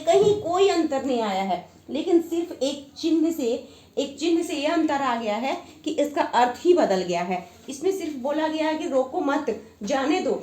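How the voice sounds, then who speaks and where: A woman teaching a grammar lesson with a high, clear voice. She explains patiently and repeats each point. The room around her rings with echo. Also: darkish tone. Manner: explains slowly with many repetitions.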